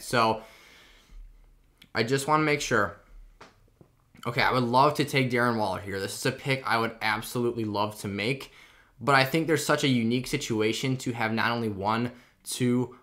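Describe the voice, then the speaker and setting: A man hosts a casual fantasy football draft video while talking through a sore, swollen mouth after having his wisdom teeth removed. His mid-range voice sounds pushed and bright.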